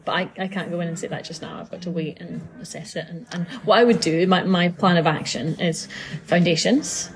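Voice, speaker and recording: A woman co-hosting a casual podcast chat as a dog behaviourist, lively and questioning, quick to laugh. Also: lowish voice, crowd noise, low-quality recording. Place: festively decorated room with background music.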